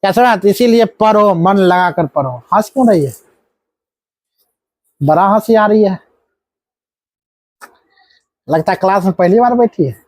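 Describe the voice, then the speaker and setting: High-voiced teacher quizzing his class. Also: moderate pace, darkish tone, no room sound. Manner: coaxing call-and-response, scolding asides. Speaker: math teacher. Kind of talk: live classroom lesson.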